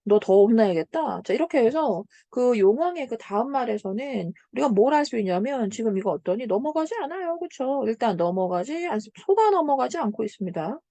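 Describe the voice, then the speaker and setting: A woman lecturing on a literature passage in a somewhat high, mellow voice. She paraphrases the text as she goes, dropping in frequent "자" and "음" and checking that her students follow. The sound is dry and close. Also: big pitch swings, brisk, hardly any pauses, dry recording. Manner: explains by paraphrasing the text, with many "자" and "음" fillers; asks students to confirm understanding. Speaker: Korean literature teacher.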